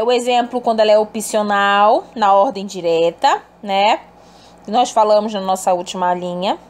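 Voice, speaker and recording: A woman teacher explaining a lesson to her pupils in a patient, explanatory way, calling them fond names. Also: fairly high pitch. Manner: explanatory, addresses pupils fondly. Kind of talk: recorded online lesson.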